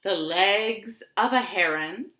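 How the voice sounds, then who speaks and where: Slowly and with lively intonation, a library storytime host reads to young children and guides them through rhymes. Her medium-pitched voice sounds pushed and bright, her phrasing is simple and encouraging, and her living room gives the audio a roomy echo.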